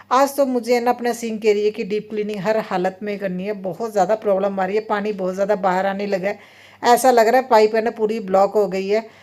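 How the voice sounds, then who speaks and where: Speaking into her phone for a casual vlog voice-over, this thirtysomething mom chats about her day at home. Her voice is mid-range and darkish, and her talk wanders with many fillers.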